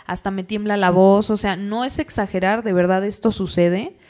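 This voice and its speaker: Guest psychologist, woman, patient explanatory delivery, mid pitch. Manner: calm, explanatory, acts out parents and children in quick quoted asides. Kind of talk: podcast interview.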